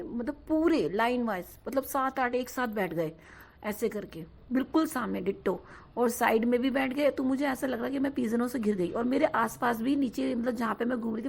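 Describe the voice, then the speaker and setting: A woman's voice: a little high, gravelly, darkish tone. A young woman casually telling listeners about her own devotional experience, rambling with many fillers and often asking them to agree. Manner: often asks 'है ना' to listeners. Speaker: devotee sharing a personal experience. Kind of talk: casual spoken testimony to a devotional audience.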